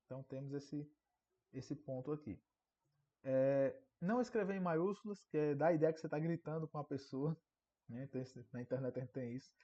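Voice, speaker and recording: A man teaching an online course in a casual lecture, often checking in with a quick tag question. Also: fairly high pitch, warm tone. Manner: conversational, frequent tag questions. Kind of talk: recorded online class lecture. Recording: dull lo-fi audio.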